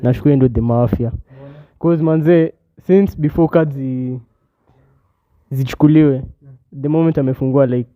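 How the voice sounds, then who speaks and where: Kenyan guy chatting casually in a group, medium pitch, phone-like audio. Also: moderate pace, pauses often, dry recording. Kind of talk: casual chat among players. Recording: dry, thin phone-like sound.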